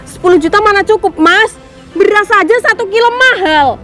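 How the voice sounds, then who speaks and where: A woman's voice: very high-pitched, normal speed, fairly bright tone, soft background music. A woman playing an unfaithful young wife who talks to her husband in a scornful, dismissive way. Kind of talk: amateur skit acting.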